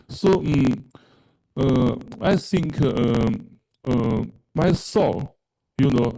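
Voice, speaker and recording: A Chinese man whose first language is Mandarin gives a personal testimonial about his time in a spiritual program, speaking in a halting, earnest way. His gravelly voice has fry and little brightness, and he talks very slowly, often pausing on fillers. The recording is rough.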